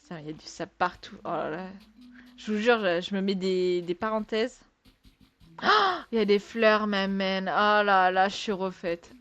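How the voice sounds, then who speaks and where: A woman's voice: medium pitch, fairly even intonation, moderate pace, a bit bright, highs cut off. A woman giving casual let's-play commentary in French, chatty and exclamatory, talking to her viewers with exasperated asides and sighs. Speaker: gaming video creator.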